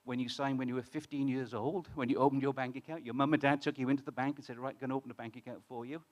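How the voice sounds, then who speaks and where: On stage in a conference hall, a British fintech founder talks in a chatty way, restarting phrases and quizzing the live audience. He has a mid-pitched, slightly mellow voice with fairly even intonation and a quick pace.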